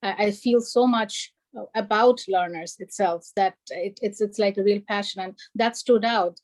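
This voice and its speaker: A woman's voice: medium pitch, unhurried, darkish tone, rough recording. A young woman raised in Germany, speaking earnestly as an alumna on an online panel, emphatic and full of "you know" and "like". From Bangladesh, raised in Germany.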